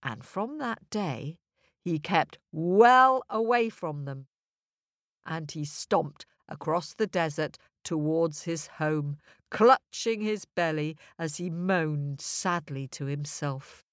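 A woman narrating a children's folk tale, expressive, playful and song-like. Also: low-pitched, slow, dry recording, clean studio sound. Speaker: storyteller.

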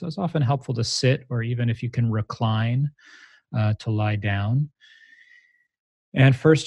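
A man leading a guided grounding meditation exercise, giving gentle, measured instructions in short phrases with pauses between them. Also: medium pitch, creaky, husky, dry recording. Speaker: meditation teacher, interview guest.

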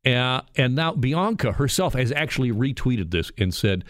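A man's voice: mid-range voice, lively intonation, normal speed, no echo. A man hosting a radio talk show from a studio booth, chatty and jokey. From Canada. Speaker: radio host. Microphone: studio microphone.

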